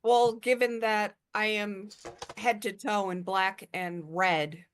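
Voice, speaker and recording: A woman playing a tabletop game, slowly describing what her character does. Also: medium pitch, fairly even intonation, slight background noise. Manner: slow and deliberate. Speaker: player.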